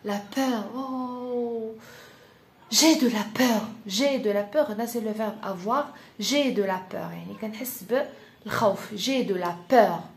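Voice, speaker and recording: A woman's voice: mid-range voice, vocal fry. Moroccan woman teaching in a roomy space. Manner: repeats key phrases slowly, checks in often with "d'accord?". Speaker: French teacher. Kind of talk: classroom-style language lesson. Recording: roomy echo.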